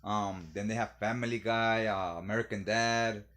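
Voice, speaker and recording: A man's voice: lowish voice, fairly even intonation, moderate pace, fairly bright tone. A man hosting his own vlog, talking loosely and rambling in casual commentary while a little tipsy from drinking. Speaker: video host.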